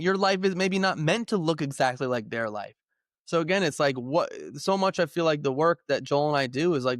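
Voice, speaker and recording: A man's voice: fairly high pitch, no room sound, clean studio sound. A man in his forties, a podcast guest, talking reflectively and with feeling over a video call. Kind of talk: casual conversation.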